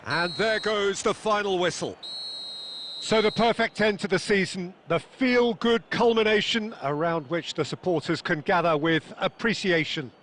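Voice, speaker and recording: An actor playing a football play-by-play commentator in a video game, measured but quick to get excited. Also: male voice, sits high, slight background noise. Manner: measured, rising to excited calls.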